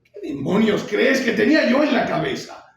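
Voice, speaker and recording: A man acting a young man who furiously accuses his father, shouting in outrage. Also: sing-song, normal speed, gravelly, heavily acted. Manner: shouting, outraged, high-pitched. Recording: echoey hall, mic far off.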